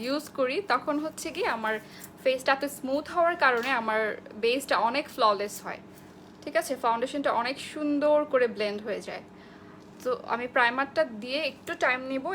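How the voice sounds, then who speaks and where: A woman's voice: high voice, fairly bright tone, a little hiss or hum. A young woman from Bangladesh, a makeup artist, chatting through a live makeup tutorial, greeting viewers by name and mixing in English phrases.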